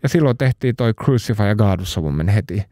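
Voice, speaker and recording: A man's voice: fairly low pitch, animated, mellow, dry recording, studio quality. A Finnish man, a talk show guest, telling his story in a rambling casual way with many restarts. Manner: rambling, frequent restarts and fillers.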